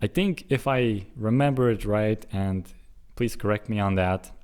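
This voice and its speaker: A young Swiss man whose first languages are English and Russian speaks to the camera in a relaxed, rambling solo vlog about learning languages. His smooth voice sits low, and he slows way down, careful and halting, to sound out tricky foreign phrases before slipping back into easy, musing chat.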